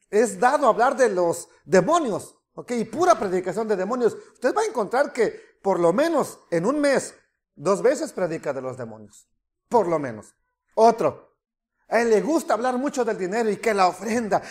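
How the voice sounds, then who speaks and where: A man preaching a sermon as pastor, animated, with mocking asides and rhetorical questions. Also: very high-pitched.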